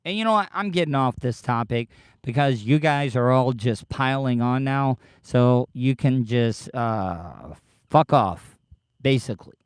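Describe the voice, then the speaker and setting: A man hosting a casual livestream, talking haltingly and defensively with profanity, his speech slightly slurred as if his lip is full of dip. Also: medium pitch, smooth, no room sound, clean studio sound. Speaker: podcast livestream host. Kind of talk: casual livestream chat, answering live commenters.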